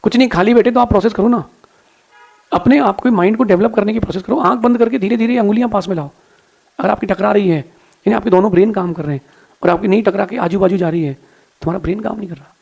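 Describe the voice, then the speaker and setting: A man's voice: high voice, fast talker, creaky, darkish tone. A man telling a moral story and lecturing listeners in a folksy, preachy way. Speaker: spiritual speaker.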